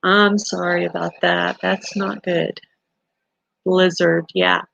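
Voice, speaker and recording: Chatting on her live stream, this middle-aged Texan woman tells stories and reads out viewer comments, stumbling through fillers and restarts. Her voice is lowish, slow and flat, a bit bright with vocal fry, in a dry recording with the highs cut off.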